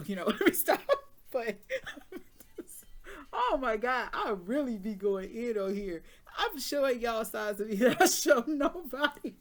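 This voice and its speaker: A woman's voice: a little high, fairly bright tone. A woman doing a casual tarot reading who talks candidly, jokes, laughs often and swears now and then. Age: adult with children. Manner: candid, joking, with frequent laughs and mild swearing. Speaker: tarot reader.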